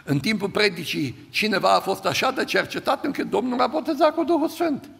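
An older man, a pastor from the of Romania, preaching and telling stories, his voice swinging from loud to hushed. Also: extremely high pitch, animated, creaky, slightly rough. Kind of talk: sermon. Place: large church hall. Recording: church hall reverb.

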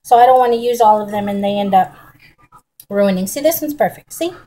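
A woman's voice: mid-range voice, brisk, mellow, rough recording. A middle-aged woman, chatting folksily to viewers while demonstrating a recipe in her home kitchen, recorded on a camera close by on the counter. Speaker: home cooking vlogger. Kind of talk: casual cooking demonstration.

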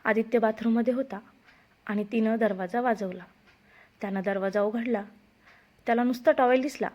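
A woman narrating a romance story in a steady storytelling voice. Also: on the high side, moderate pace. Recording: dull lo-fi recording.

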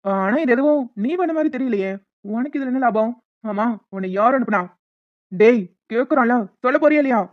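A man playing a fast-talking tough young caterer. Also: extremely high pitch, no room sound, highs cut off. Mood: threatening. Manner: blunt and commanding. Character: tough young male caterer, quick to threaten.

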